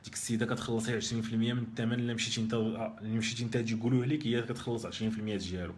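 Very fast-talking man with Moroccan accent. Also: fairly low pitch, steady tone, slight background noise. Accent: Moroccan Arabic. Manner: rapid, repetitive and emphatic, often restarting phrases. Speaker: live stream host answering viewer questions. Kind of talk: casual live Q&A.

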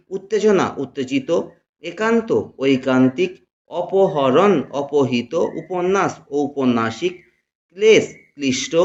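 A man with a slightly high voice recites a grammar lesson, reading out word pairs one after another in a steady rhythm. The recording is dull and lo-fi, with a noticeable echo from the room. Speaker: grammar tutor. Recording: echoey room, dull lo-fi sound.

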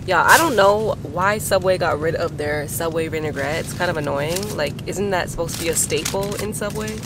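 A woman in her twenties vlogs from a parked car, talking casually to a phone camera held at arm's length. Laid-back and occasionally swearing, she speaks at a moderate pace in a lowish voice, with background noise audible.

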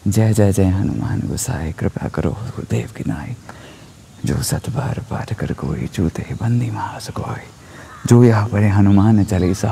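A young man reciting a devotional text in a soft spoken-word style, often half-whispered, recorded outdoors in a forest on an earphone mic with his phone held at arm's length. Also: lowish voice, vocal fry, slight background noise. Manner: slow, hushed, often whispered delivery. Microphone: wired earphone mic, phone at arm's length.

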